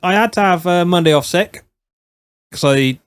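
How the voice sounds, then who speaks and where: A man, co-hosting a casual podcast chat with dry, deadpan jokes. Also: high-pitched, normal speed, clear, resonant tone, no room sound. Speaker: podcast co-host.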